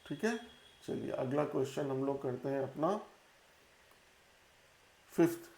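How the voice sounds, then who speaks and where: Slow-spoken male teacher, echoey room. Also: mid-range voice, animated, vocal fry, a little mellow. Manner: explains in Hindi, slowly spells words letter by letter. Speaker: exam-prep English teacher. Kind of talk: classroom-style lesson.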